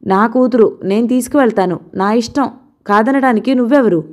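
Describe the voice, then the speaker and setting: A woman's voice: fairly high pitch, a little fast, a little mellow, natural voice. A woman voicing a poor father who coaxes his daughter and quarrels with his mother. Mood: irritated. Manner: coaxing, persuasive. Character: poor grown-up son, coaxing father and stage actor.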